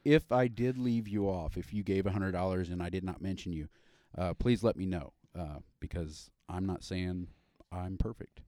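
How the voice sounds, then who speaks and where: A man's voice: low-pitched, moderate pace, hardly any pauses, mellow, no echo, studio quality. A man hosting a casual podcast, rambling with fillers and restarts. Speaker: podcast host.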